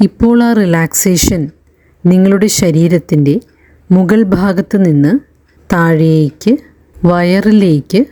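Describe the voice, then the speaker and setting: Here a meditation instructor's style comes through as a woman guides listeners into relaxation. Her voice is low and very mellow, and she delivers short phrases with long pauses, speaking extremely slowly and soothingly.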